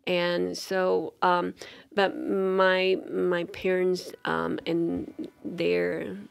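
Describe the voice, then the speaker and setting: Speaking extremely slowly in a low, monotone voice with vocal fry and a smooth quality, this middle-aged Taiwanese university dean answers questions in an interview conversation. She is thoughtful but uses plenty of fillers and restarts. The setting is a small, bright indoor studio with a sofa, and she is recorded on a studio mic on a stand.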